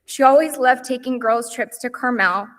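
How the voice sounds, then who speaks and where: Young woman, higher voice, earnest eulogy reading in a reverberant hall. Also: normal speed. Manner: earnest and heartfelt, softening on lists. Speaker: eulogy speaker. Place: memorial service hall.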